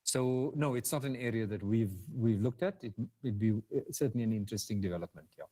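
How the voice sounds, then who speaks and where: A man with a South African English accent lecturing over a video call, his voice mellow and dark. He speaks haltingly, with fillers and repeated words as he works through technical answers. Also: fairly low pitch. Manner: hesitant, with frequent fillers and restarts. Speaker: guest speaker. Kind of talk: webinar lecture and Q&A.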